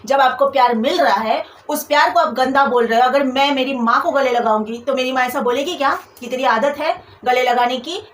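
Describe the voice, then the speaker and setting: A woman's voice: sits high, fairly quick, few pauses. A woman vlogger telling personal stories straight to her viewers, venting with indignation. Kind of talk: personal storytelling vlog. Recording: echoey room, a bit far from mic.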